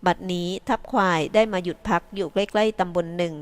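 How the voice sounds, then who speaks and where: A woman reading an audiobook novel aloud at a steady, even pace. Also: fairly low pitch, a little fast. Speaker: audiobook reader. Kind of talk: scripted audiobook narration.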